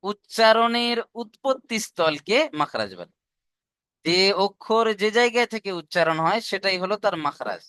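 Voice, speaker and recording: A man's voice: high-pitched, very animated, normal speed, pushed and bright, clear, resonant tone, dry recording, studio quality. A man teaching an online class, patient and repetitive, often asking his students whether they have understood. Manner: patient, repeats points and asks checking questions. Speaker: Quran recitation teacher.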